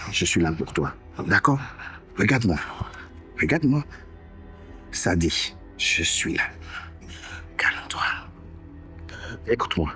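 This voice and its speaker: An actor playing a smooth-talking younger brother in a TV drama, speaking French with a West African accent, coaxing and soothing his sister. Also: mid-range voice, a bit bright. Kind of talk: TV drama dialogue.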